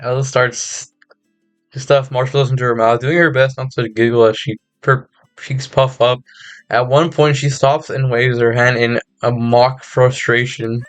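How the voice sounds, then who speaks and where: A man's voice: medium pitch, level tone, measured pace, no room sound, soft background music. A man streaming a game, reading its narration aloud with giggles and stumbles. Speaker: gaming streamer.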